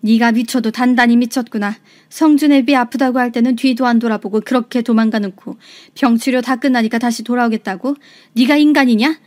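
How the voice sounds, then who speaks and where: Lady doing a stern older mother-in-law, scolding loud and hard. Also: a little high, steady tone, fairly quick, natural voice. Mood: angry. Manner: forceful scolding.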